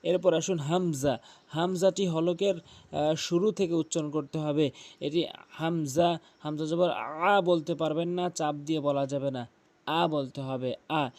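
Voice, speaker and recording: A man's voice: a little high, steady tone, measured pace, darkish tone. Man teaching Arabic letter sounds. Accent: Bangladeshi Bengali. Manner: demonstrates letter sounds by repeating them. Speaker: Quran recitation teacher. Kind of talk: pronunciation lesson.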